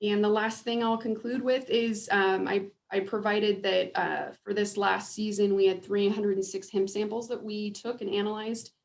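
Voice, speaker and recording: A woman presenting a program update to a board over a video call, measured and pausing often with ums. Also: medium pitch, flat delivery, creaky. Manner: measured, with frequent ums and restarts. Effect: heard over a video call. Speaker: state agriculture program staff. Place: remote, joining a video conference.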